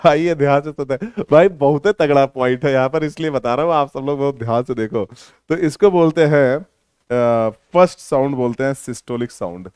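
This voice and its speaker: A male teacher giving a lesson in a lively, teasing manner, at times explaining loudly and at times mumbling quietly while writing. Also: medium pitch, moderate pace, smooth, no room sound, clean studio sound. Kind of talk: online lecture.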